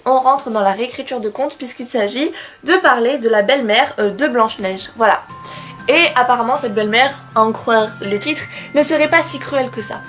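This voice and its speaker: Young woman, higher voice, chatty self-mocking vlogger, soft music underneath. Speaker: book vlogger. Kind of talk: casual chat to camera. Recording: faint music behind.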